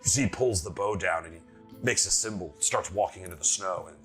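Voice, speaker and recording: A man narrating a tabletop game as game master, improvising in a casual, animated, conversational way. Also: deep voice, brisk, soft background music.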